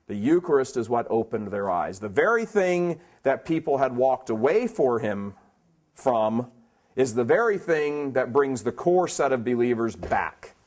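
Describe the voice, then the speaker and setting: A man's voice: mid-range voice, sing-song, unhurried, darkish tone. A man delivers a preaching talk at a conference in an ordinary mid-range voice. He is emphatic and plainspoken. He keeps driving his points home with rhetorical questions. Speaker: conference speaker.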